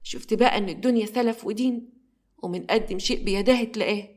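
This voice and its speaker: A woman doing a soft, kind old Egyptian nanny. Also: mid-range voice, fast talker, natural voice. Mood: gentle. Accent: Egyptian Arabic.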